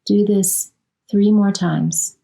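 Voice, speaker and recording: A woman leading a guided yoga nidra relaxation, speaking in a slow, soothing and gently instructive way. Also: mid-range voice, fairly even intonation, gravelly, poor audio. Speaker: meditation guide.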